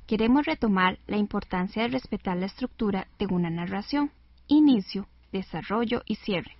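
A woman's voice: medium pitch, moderate pace, no echo. Woman teacher-host, dry close voice, radio lesson. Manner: clear, didactic. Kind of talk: scripted educational radio. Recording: dull lo-fi radio recording.

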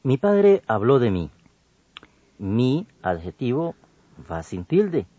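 A man co-hosting an educational radio program, reading a grammar lesson slowly and deliberately. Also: sing-song, mellow, dry recording. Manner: slow, deliberate, with wide swings in pitch. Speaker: co-host of a language program. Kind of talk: scripted educational radio narration. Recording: dull lo-fi broadcast audio.

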